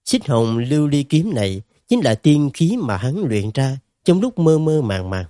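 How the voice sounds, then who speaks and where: Animated male storyteller, dark tone. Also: mid-range voice, unhurried, no room sound, studio quality. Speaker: audiobook narrator. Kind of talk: dramatic storytelling narration.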